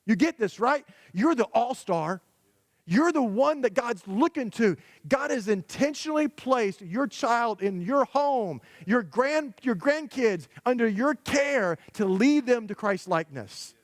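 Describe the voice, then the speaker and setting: A high-pitched middle-aged man delivers a storytelling sermon in a church. He talks conversationally and pushes his points with rhetorical questions to parents. His voice sits close and dry, with almost no room sound. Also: expressive, measured pace, no echo. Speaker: guest preacher. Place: church sanctuary.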